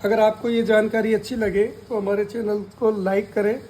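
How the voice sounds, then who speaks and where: A man's voice: high voice, level tone, dark tone, slight background noise, poor audio. A man teaching a lesson, spelling out letters one by one and asking and answering his own questions. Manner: repeats key words and asks then answers his own questions; deliberate, drawn-out spelling of letters. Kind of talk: slow spoken lesson.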